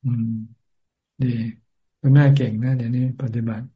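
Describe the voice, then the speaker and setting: A male monk teacher speaks in an even, steady tone with little rise and fall, and his answers stay calm and kind. The sound comes through a thin, tinny video-call line. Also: medium pitch. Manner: calm, measured and gently encouraging. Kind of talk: answering questions in a video-call dharma talk. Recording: tinny phone-like call audio.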